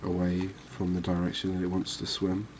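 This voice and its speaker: Unhurried and conversational, this gaming video host muses through the game in a relaxed ASMR commentary style. His voice is low and flat, and clearly noisy background ambience runs throughout.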